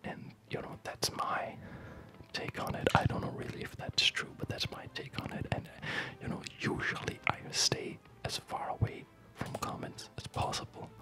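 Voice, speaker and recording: A man keeps his voice to a breathy whisper near the microphone as he hosts an ASMR gaming video. His gameplay chat is gentle, leisurely, and meandering.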